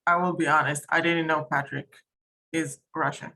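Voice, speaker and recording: Woman, from Israel, organizer, low-pitched, candid, fillers, video call. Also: fairly even intonation, moderate pace, gravelly, sharp tone, low-quality recording. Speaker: event organizer. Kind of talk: casual Q&A.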